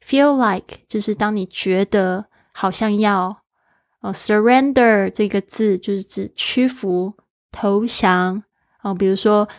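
A woman's voice: medium pitch, no room sound, studio quality. Encouraging woman teaching English. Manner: encouraging, spells words letter by letter. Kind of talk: daily English lesson.

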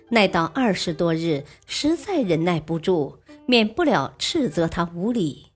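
A woman narrating a scripted history story with a husky, breathy voice. She reads slowly and expressively, her pitch rising and falling freely. Soft music plays faintly behind her. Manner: measured, expressive reading.

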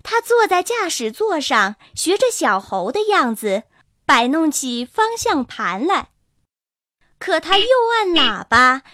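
A woman telling a children's bedtime story in a slow, expressive, sing-song way. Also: sits high, a little hiss or hum. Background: soft music.

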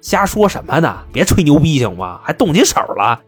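A man's voice: on the high side, big pitch swings, a little fast, husky, soft background music. A man voicing a wheedling police negotiator. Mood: placating. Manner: soothing, wheedling. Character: placating male police negotiator, smooth talker.

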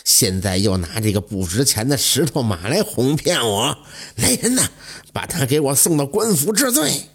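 A man voicing a scheming, greedy young stepson who bullies and sneers in a husky voice. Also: mid-range voice, sing-song, moderate pace. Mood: sneering. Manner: sneering, then stammering in terror.

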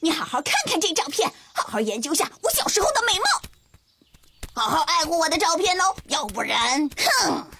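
A woman's voice: high-pitched, very animated, brisk. A woman voicing a vain, bossy tomboy schoolgirl in a children's cartoon, boastful and demanding. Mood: bossy, huffy. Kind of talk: animated children's cartoon dialogue.

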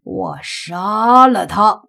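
A woman reading an audiobook and voicing a stern, proud middle-aged father who speaks gruffly and scolds slowly and weightily. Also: medium pitch, lively intonation, bright, forceful tone, full character voice.

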